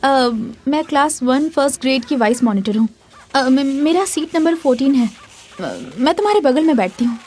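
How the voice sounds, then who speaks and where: A woman's voice: high-pitched, moderate pace, darkish tone, lightly acted. An actress dubbing an earnest, persistent teenage schoolgirl who serves as class vice monitor. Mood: friendly. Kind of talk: Hindi drama dub.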